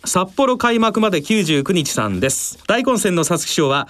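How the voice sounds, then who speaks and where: Very polite male radio host, highly animated delivery. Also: moderate pace. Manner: very polite formal Japanese announcing. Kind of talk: polite radio horse racing presentation.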